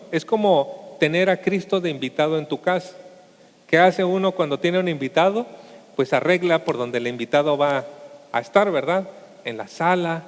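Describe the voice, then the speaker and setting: A man preaching a Sunday sermon as a pastor, addressing his listeners as brothers and asking them rhetorical questions. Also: high voice. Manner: asks the congregation rhetorical questions. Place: church sanctuary. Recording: reverberant church hall.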